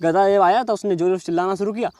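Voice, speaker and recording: A man with a high, slightly mellow voice and a steady tone teaches an English reading lesson with no room sound. He reads words slowly, explains each in Hindi, and repeatedly checks whether the listener follows by asking "समझ रहे हो".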